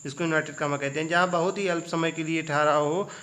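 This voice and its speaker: With a fast, steady delivery and a high-leaning, fairly bright voice, a young male teacher reviews material for an exam. He asks the students rhetorical check questions, then answers them himself.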